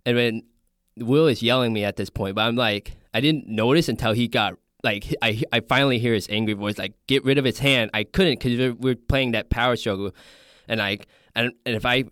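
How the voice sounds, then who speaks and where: Man, casual chat, animated storyteller, acts out quotes, dry close sound, mid pitch. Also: a little fast, clean tone, no echo.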